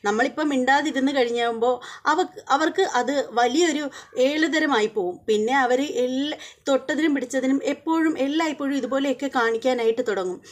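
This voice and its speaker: A woman's voice: sits high, fairly quick, close to an everyday voice. A woman voicing a young husband who insists in a firm, lecturing way that his wife stand up for herself. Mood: firm, indignant.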